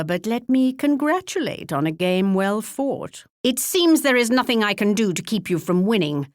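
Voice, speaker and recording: A woman's voice: medium pitch, no echo, studio quality. An actress playing a regal, wry English queen in a video game, with a British accent and a pompous, formal, archly polite delivery. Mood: confident, composed, then determined, brisk. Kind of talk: theatrical video game character voice lines.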